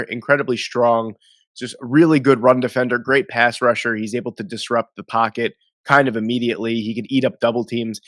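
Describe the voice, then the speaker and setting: Nasal and sniffly from a cold, a man hosts casual football draft commentary in a medium-pitched, slightly bright voice with no echo. He rambles, talks conversationally, and keeps correcting himself.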